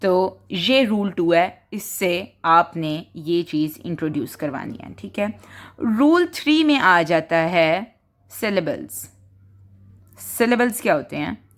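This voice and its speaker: Slow-speaking woman explaining spelling rules. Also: on the low side, expressive. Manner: slow, explanatory, mixes English words into Hindi. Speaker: home-schooling teacher. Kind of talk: spelling lesson for parents.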